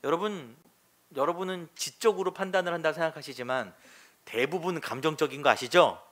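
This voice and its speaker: A man's voice: fairly high pitch, brisk, a bit bright. A male pastor preaching a Sunday sermon in a church, talking frankly and conversationally and asking the congregation questions. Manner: colloquial and frank.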